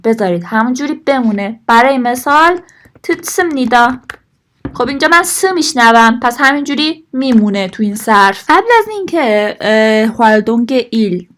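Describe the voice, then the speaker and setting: A woman's voice: fairly high pitch, a bit bright. Woman teaching a language lesson. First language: Persian. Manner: explains patiently, mixes Korean phrases into explanations.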